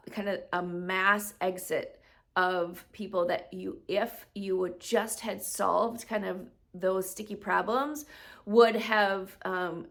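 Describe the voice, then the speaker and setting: A business coach hosts a solo podcast in a medium-pitched, gravelly, fairly bright voice. She talks conversationally, checks in with rhetorical questions like "right?", and now and then acts out customers' voices in quoted asides.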